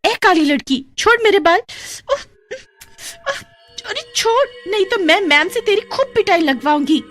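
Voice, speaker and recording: A woman voicing a spoiled, haughty schoolgirl bully who sneers and mocks in a shrill voice. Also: sing-song, unhurried, fairly bright tone, soft background music, full character voice. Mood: sneering.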